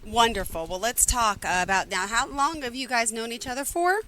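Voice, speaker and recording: A woman in her forties hosts the interview with a bright, forceful voice. Her questions come across as upbeat and chatty. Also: a little high, moderate pace, a little hiss or hum, rough recording. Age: 40s. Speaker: host.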